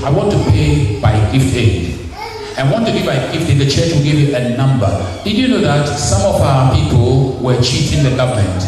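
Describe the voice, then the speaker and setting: A middle-aged Ghanaian man with a Ghanaian accent preaches a sermon in a church hall, firing rhetorical questions at the congregation. His voice is medium-pitched, and the recording is echoey, with the mic far off and background noise present.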